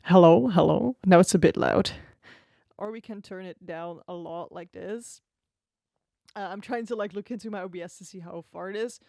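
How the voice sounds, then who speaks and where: A woman streamer with a lowish, slightly mellow voice and some vocal fry talks at normal speed about her gear. Chatty, laughing often, she does casual tech review talk close to an arm-mounted XLR studio mic at her home desk, recorded dry.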